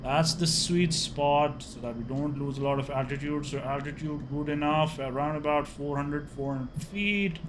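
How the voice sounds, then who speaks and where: A man's voice: on the high side, normal speed, hardly any pauses. A man giving live flight simulator airshow commentary, narrating each move in clipped phrases as he flies. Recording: clearly noisy background.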